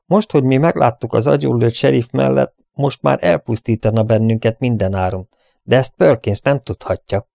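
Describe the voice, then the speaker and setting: A man's voice: mid-range voice, gravelly, dark tone, dry recording, clean studio sound, voice pushed up, lightly acted. A man voicing a determined young frontier rider in an audiobook, speaking urgently and resolutely. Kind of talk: audiobook character voice.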